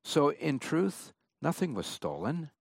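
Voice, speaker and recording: A man preaching a sermon, reading and explaining scripture in a slow, emphatic way. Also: a little high, sing-song, creaky, no room sound, studio quality. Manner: slow, emphatic Bible exposition.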